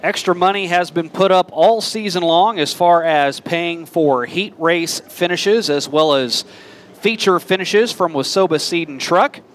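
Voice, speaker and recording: A man's voice: fairly high pitch, unhurried. An American man working as a motorsport commentator, calling dirt track racing in fluent announcer patter full of racing slang. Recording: noisy outdoor racetrack, engine roar behind.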